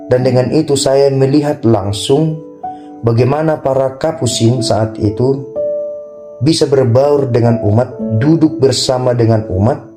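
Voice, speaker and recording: A young adult man, a Capuchin friar, giving a friendly, earnest testimony of his vocation. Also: mid-range voice. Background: guitar music.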